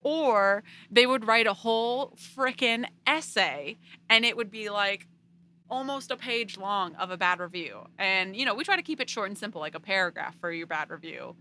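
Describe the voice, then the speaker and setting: A woman's voice: medium pitch, expressive, moderate pace, bright, forceful tone. A woman co-hosting a casual book chat, talking in a chatty way with lots of "like". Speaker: podcast co-host.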